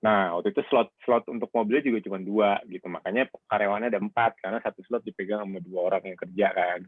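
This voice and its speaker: This car wash owner talks fast in a voice on the low side, rambling casually through a call-in interview with lots of fillers. It comes through a phone line, so the audio is thin, tinny and dry.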